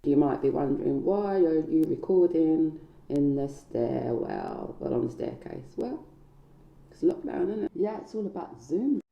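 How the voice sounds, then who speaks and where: A woman's voice: sits low, huge pitch swings, measured pace, vocal fry. A middle-aged British woman giving a conversational, self-filmed talk as a knitter and researcher, recorded on an indoor staircase. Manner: conversational, playfully questioning herself. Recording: dull, echoey stairwell sound.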